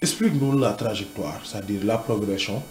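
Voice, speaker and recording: A man's voice: lowish voice, moderate pace, a little hiss or hum. Senegalese man hosting a casual interview. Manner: lively, mixes in Wolof greetings. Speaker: interviewer host.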